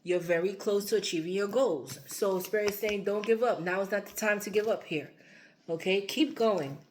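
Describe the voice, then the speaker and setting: A woman rambles through a tarot reading, repeating herself and dropping in fillers and digressions, her voice showing strain as it begins to go. She speaks at normal speed in a medium pitch, with a faint hiss or hum audible.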